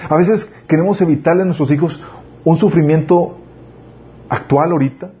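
A man's voice: on the high side, moderate pace. A man preaching a sermon, earnest and full of rhetorical questions. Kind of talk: sermon on parenting. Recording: slightly dull lo-fi recording with faint noise.

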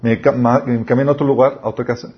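A man's voice: mid-range voice, level tone, fast. A young man with a Mexican accent, preaching a sermon to a youth group and telling stories from his own life straight to his listeners. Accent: Mexican Spanish. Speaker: youth pastor. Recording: dull muffled recording.

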